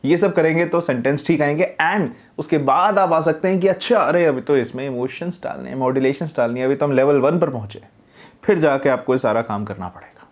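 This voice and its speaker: A man's voice: on the high side, a little fast. A man working as a voiceover coach, reviewing recordings and explaining tips step by step. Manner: explains step by step, demonstrates readings.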